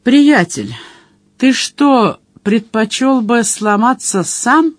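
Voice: mid-range voice, expressive, slow, dry recording, pitched above the performer's own voice. A reader voicing a brash, streetwise male otter rogue who teases his companions with slangy banter in an audiobook. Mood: teasing. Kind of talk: audiobook character voice.

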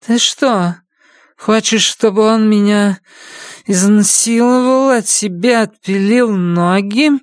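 A man's voice: sits high, takes it slowly, no room sound, clean studio sound, voice pushed up. A man putting on a slurring drunk mother. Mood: drowsy menace. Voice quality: sleepy, slurred, mumbling.

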